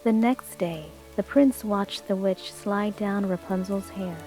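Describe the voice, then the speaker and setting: A woman narrates a bedtime fairy tale in a soft, soothing voice. Her pace is very slow and her tone mellow and dark. Calm music plays faintly underneath. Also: mid-range voice, low-quality recording. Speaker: storyteller. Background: soft calm music and rain.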